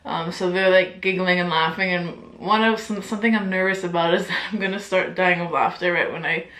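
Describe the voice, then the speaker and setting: A woman's voice: fairly low pitch, fairly even intonation, brisk, a bit bright. A young woman in her twenties chatting casually to camera as a vlogger, giggly and full of filler words and swearing. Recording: echoey room.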